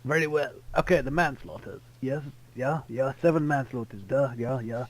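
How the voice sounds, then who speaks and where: In online game voice chat, a man roleplays in character, rambling through a tall tale and repeatedly correcting his own details. He speaks at a moderate pace with a medium-pitched voice, and the audio quality is poor.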